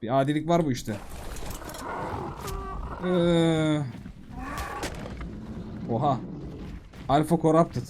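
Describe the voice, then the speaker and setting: A man giving casual, excitable commentary while playing a video game, talking to himself and the creatures on screen. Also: on the high side, a little hiss or hum. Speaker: gaming YouTuber.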